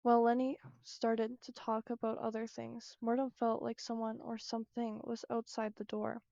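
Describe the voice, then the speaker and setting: A woman reading her own short story aloud at a steady, careful pace. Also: on the high side, moderate pace, creaky, no room sound, lo-fi sound.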